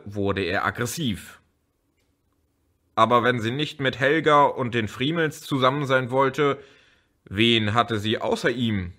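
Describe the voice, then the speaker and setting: A man narrating an audiobook chapter in a measured storytelling manner. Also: medium pitch, pushed and bright. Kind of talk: scripted narration.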